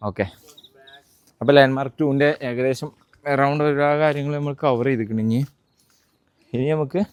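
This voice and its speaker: On a dry recording, a man's smooth, slightly mellow voice at medium pitch keeps a fairly even intonation and normal speed. He is a vlog host with a Malayali accent, chatting casually on a walking tour and mixing English into Malayalam for viewers and companions.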